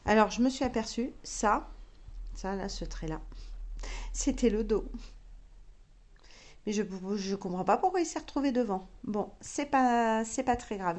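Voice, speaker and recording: A woman's voice: medium pitch, a little mellow. A woman with a French accent chatting casually to camera about her sewing, thinking aloud with many hesitations. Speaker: sewing vlogger.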